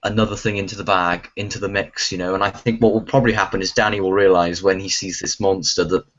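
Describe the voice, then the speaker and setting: Man, vlog co-host, lowish voice, chatty, dull lo-fi recording. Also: little pitch movement, fast talker, fairly bright tone. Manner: chatty, repeats words. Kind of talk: casual chat. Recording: dull lo-fi sound.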